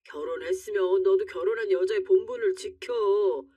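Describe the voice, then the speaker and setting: A woman's voice: mid-range voice, normal speed, mellow, no echo, far from the mic, lightly acted. A woman voicing a scornful, quarrelsome husband while reading a story aloud. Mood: sneering. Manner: sneering, quarrelsome. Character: scornful selfish young-adult husband.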